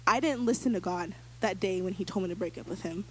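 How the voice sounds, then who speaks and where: A young woman giving a casual, animated personal testimony to a church group, acting out the voices in her story and using lots of filler words. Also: mid-range voice, quick pace, a little hiss or hum. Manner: casual, filler-heavy speech.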